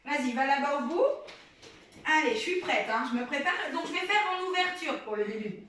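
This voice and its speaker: A woman with a high voice talks a child through a home game and explains it to viewers, her tone steadily encouraging. She sounds set back from the mic in a small, very echoey indoor room. A faint noise runs under the recording. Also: expressive, a little fast, pushed and bright, far from the mic. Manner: encouraging, coaching a child along. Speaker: mother demonstrating children's games. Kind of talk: casual how-to demonstration for viewers.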